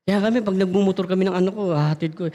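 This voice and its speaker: A man's voice: sits high, racing, highs cut off. A middle-aged man preaching a sermon in church, talking to the congregation and acting out little everyday dialogues in changing voices. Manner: animated, acts out little dialogues in raised voices.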